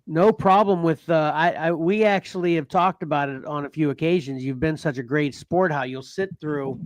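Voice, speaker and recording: A chatty man hosting a casual podcast, his voice sitting a bit high. He rambles and restarts himself as he goes. The sound is dry and close, with no room echo. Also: moderate pace. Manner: rambling, restarts, laughs often. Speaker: podcast host. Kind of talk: casual chat.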